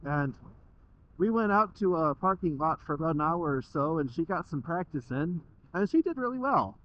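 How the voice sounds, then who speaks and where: A young American man rambles casually from inside his motorcycle helmet. His voice sits slightly high and moves around a lot in pitch. The helmet microphone gives it a dull, muffled sound, and his talk is informal and peppered with swearing. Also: animated, normal speed. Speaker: motovlogger riding a motorcycle. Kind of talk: casual motovlog monologue.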